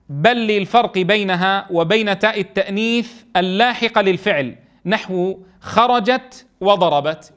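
A man teaches a class of Quran teachers, speaking in a fairly high voice. He reads a passage aloud, breaks it down, and keeps asking whether the students follow. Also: fairly bright tone. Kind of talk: classroom lesson explaining a grammar text.

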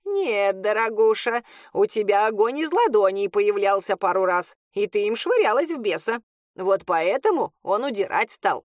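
A woman reading aloud, voicing a brash old village witch who teases, cackles and shouts. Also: medium pitch, very animated, normal speed, dry recording, studio quality, close to an everyday voice. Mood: boisterous teasing. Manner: boisterous, teasing, laughing.

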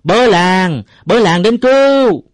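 A man voicing a cheerful, crafty middle-aged village farmer who talks loudly and playfully in a dry, close recording. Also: lowish voice, expressive, unhurried, dry recording. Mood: bellowing alarm. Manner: loud, playful, shouting to the village.

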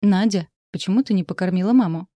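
A woman's voice: mid-range voice, fast talker, mellow, no room sound, studio quality, close to an everyday voice. A woman voicing a tired, patient adult daughter who grows exasperated with her mother.

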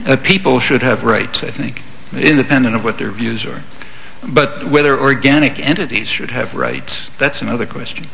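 Man w/ very gravelly voice, calm and measured, answering q&a at a lecture. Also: medium pitch, a little hiss or hum, poor audio. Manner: measured, conversational, frequent "I mean" and "you know". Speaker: guest lecturer answering questions. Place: university lecture hall.

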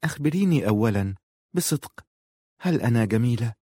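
A man voicing a shy, lovesick eighteen-year-old girl who speaks softly and pleads. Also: medium pitch, brisk, husky, no room sound, clean studio sound, natural voice. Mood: tender, pleading. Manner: soft, pleading, tender.

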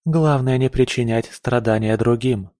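A man reading an audiobook voices a young, independent noblewoman who speaks softly and thoughtfully. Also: mid-range voice, unhurried, no room sound, clean studio sound, natural voice. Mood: gentle.

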